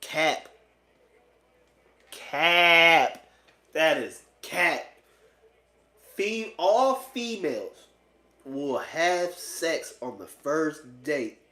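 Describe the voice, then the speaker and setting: Extremely slow and full of pauses, this late-twenties man's high, expressive voice has a sharp tone. He is a vlogger delivering a blunt, profane, slang-filled monologue on dating, casually repeating phrases for emphasis, recorded in an echoey, roomy space.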